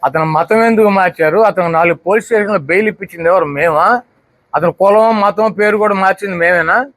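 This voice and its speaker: Man firing rhetorical questions, high-pitched. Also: fairly quick, fairly bright tone, no room sound. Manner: rhetorical, fires repeated questions. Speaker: politician speaking to the press. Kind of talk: combative press statement.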